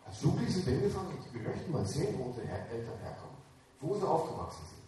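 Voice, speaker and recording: A man preaches in a mellow, low-toned voice, pressing his points on the listeners with direct commands and questions. He sounds distant from the microphone in a strongly echoing hall with faint room noise behind him. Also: sing-song, racing. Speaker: preacher speaking to young people. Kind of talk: sermon.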